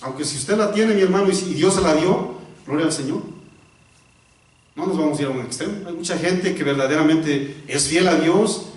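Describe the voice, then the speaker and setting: A man's voice: on the high side, moderate pace, darkish tone. Pastor guy giving a sermon, keeps repeating himself for emphasis, tons of echo, mic kinda far off. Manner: asks the congregation rhetorical questions; stops to correct himself and repeats words for emphasis. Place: church. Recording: very echoey church hall, voice from a distance.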